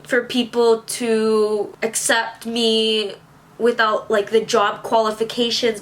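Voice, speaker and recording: A young woman in her early twenties talks to her camera in a casual vlog, voice a touch high. She is teary and keeps reassuring herself between rambling thoughts. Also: fairly bright tone, slight background noise. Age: 20s. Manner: tearful, rambling and self-reassuring. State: teary, on the verge of crying. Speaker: vlogger.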